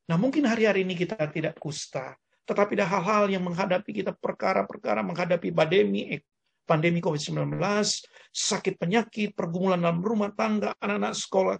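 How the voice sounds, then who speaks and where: An older man, a grandfather, preaching a lively sermon on a video call and having listeners repeat after him. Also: high voice, gravelly, slightly rough. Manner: animated, calls congregation to repeat words. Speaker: pastor.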